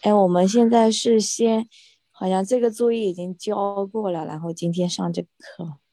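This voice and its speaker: A woman's voice: mid-range voice, fairly even intonation, moderate pace, mellow, no echo. A woman student on a video call reading English practice sentences, carefully repeating words to fix her pronunciation. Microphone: computer mic on a video call.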